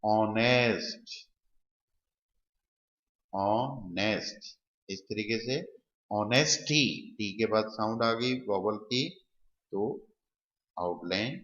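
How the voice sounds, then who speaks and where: A man teaching shorthand step by step, talking slowly and repeating the example as he writes them. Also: fairly low pitch, fairly bright tone. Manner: slow, repeats example words while writing. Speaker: shorthand tutor. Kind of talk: slow step-by-step lesson. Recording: dull, roomy recording.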